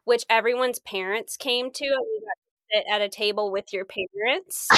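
Chatty young woman with a clear voice. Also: mid-range voice, normal speed, fairly bright tone, no room sound. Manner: chatty, laughs often while telling anecdotes. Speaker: podcast co-host. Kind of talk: casual chat, storytelling.

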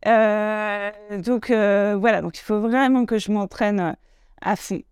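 A woman's voice: mid-range voice, fairly even intonation, a little slow, a little mellow, clean tone, no echo, studio quality. A woman hosting her podcast in a casual, chatty monologue, full of fillers and little laughs. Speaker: podcast host.

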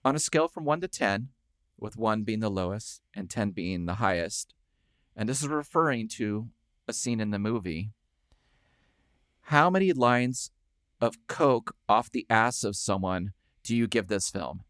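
Low-voiced man hosting a movie podcast. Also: animated, measured pace, fairly bright tone, no echo, studio quality. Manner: earnest, enthusiastic. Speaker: podcast host. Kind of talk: interview chat and scripted outro. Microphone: remote call recording.

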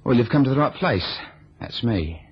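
A man's voice: medium pitch, animated, normal speed, a little hiss or hum, close to an everyday voice. An actor playing an oily, domineering male union boss in a vintage radio drama. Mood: leering. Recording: dull lo-fi old radio recording.

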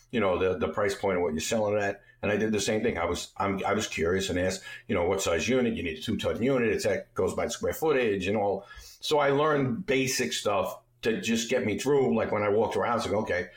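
A man's voice: lowish voice, echoey room. A man talking as a guest on a podcast, plainspoken and easygoing, who laughs easily. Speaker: guest real estate investor. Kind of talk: casual interview chat.

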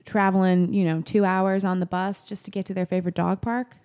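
A woman's voice: medium pitch, flat delivery, a little fast, a little mellow. A woman co-hosting a casual comedy chat, with giggly, profane stoner talk. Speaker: podcast co-host.

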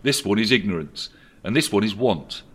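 A man's voice: lowish voice, expressive, normal speed, a bit bright. A man voicing a solemn, sarcastic male Christmas spirit in a satirical storybook reading. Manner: solemn, reproachful.

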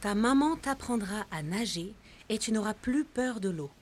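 A woman's voice: mid-range voice, animated, moderate pace, slight background noise, pitched above the performer's own voice, close to an everyday voice. A woman voicing a wise old grandmother bear in a children's story, speaking in a soothing, tender way.

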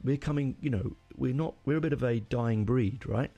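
Here a middle-aged man runs his podcast on his own, his medium-pitched voice mellow and delivered at normal speed. The highs are cut off and faint music sits behind him as he rambles opinionatedly, frequently correcting himself mid-sentence.

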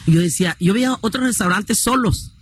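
A woman in her fifties with a Mexican coastal accent, telling her life story in a lively, earthy way, swearing freely and acting out other people's voices. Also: medium pitch, fairly quick, slight background noise. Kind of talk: casual storytelling interview.

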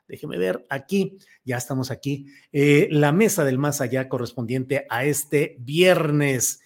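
A man's voice: on the high side, slow pace. A Mexican man hosting a talk show in a folksy, playful way and speaking straight to the listener. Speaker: host.

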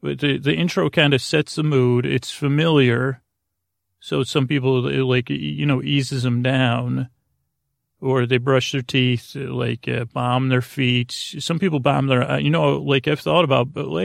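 A podcast host with a rusty, gravelly, mid-range voice delivers a rambling bedtime monologue in a steady tone. He wanders absent-mindedly through halting tangents, often interrupting himself, in a dry recording with clean studio sound.

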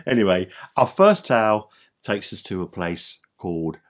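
A man's voice: low voice, expressive, normal speed. A man co-hosting a podcast, trading playful banter and narrating folk tales expressively. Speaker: podcast co-host and storyteller.

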